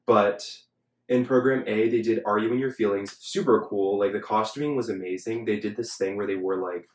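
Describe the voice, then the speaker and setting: A young man chats casually as a podcast host, his voice sitting a little low. His talk is loose and full of "like". The room around him rings with a roomy echo. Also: steady tone, a little fast. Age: young adult. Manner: filler-heavy, chatty, frequent "like". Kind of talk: casual chat. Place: Los Angeles.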